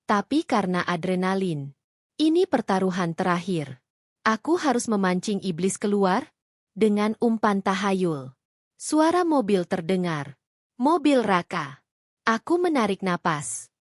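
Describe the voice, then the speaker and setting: A woman's voice: medium pitch, no echo, studio quality. Dramatic woman storyteller. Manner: dramatic, suspenseful. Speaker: story narrator. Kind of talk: scripted dramatic narration.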